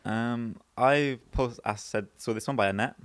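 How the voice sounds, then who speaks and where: A man's voice: mid-range voice, unhurried, no echo. A man in his twenties with a Birmingham accent, chatting casually on a podcast, close to the mic. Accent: Birmingham (Brummie). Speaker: panel guest. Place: small indoor podcast studio. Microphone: close podcast mic on boom arm.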